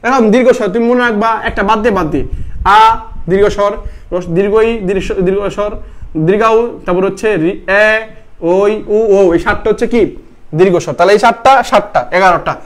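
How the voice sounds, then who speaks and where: A man's voice: sits high, fast. A young man teaching a live online grammar class for admission test students, repeating each question and quizzing his viewers.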